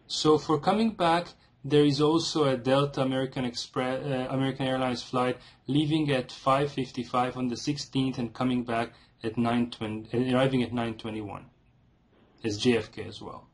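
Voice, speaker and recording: A man with a husky, mid-pitched voice speaks as a customer on a service call. He is formal and insistent, laying out his complaint in halting phrases. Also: fairly even intonation. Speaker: customer calling an airline.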